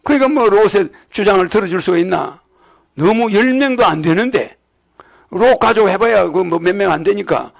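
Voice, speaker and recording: A man's voice: sits high, lively intonation, moderate pace, vocal fry. An older man giving a rambling sermon-lecture to followers, repeating himself, chuckling, and often asking the audience whether he's right. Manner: repetitive, asks the audience "right or not?". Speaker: religious leader lecturing followers.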